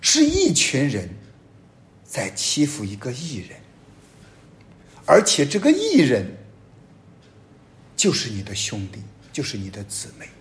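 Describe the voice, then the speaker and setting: Man preaching with sweeping pitch swings. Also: wildly swooping pitch, unhurried, pauses often, a little hiss or hum. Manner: emphatic preaching, sweeping rises and drops in pitch and loudness. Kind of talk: homily.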